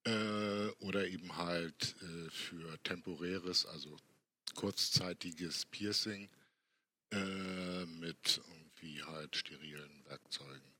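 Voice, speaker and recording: An older man talking casually as an interview guest, explaining things in a halting, conversational way. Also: deep voice, steady tone, sharp tone, dry recording. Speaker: podcast guest, workshop teacher.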